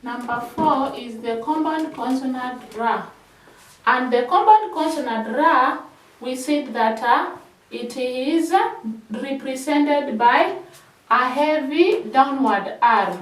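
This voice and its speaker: High-voiced woman teaching slowly. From Kenya. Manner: slow, repeating words in drills. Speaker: shorthand teacher. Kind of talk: classroom lesson. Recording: echoey room, mic at a distance.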